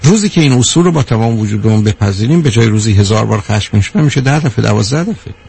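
A man giving a measured talk to a live audience, counting off his points one by one and answering a question from the room. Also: lowish voice, expressive, gravelly, darkish tone, slightly rough. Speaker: speaker on anger management.

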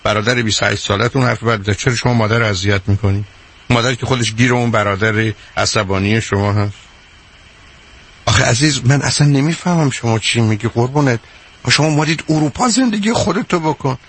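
A man's voice: lowish voice, steady tone, a bit bright, slightly rough. A middle-aged man hosting a radio call-in advice show, answering a caller bluntly with sarcasm and teasing.

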